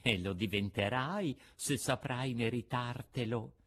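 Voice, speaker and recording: A man voicing a gentle, patient motherly fairy woman in a storybook reading, soft, measured and admonishing. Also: medium pitch, close to an everyday voice.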